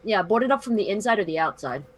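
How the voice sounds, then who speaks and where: A woman's voice: medium pitch, animated, quick pace. A woman playing a tabletop game, chatting casually and role-playing in an informal, breezy way.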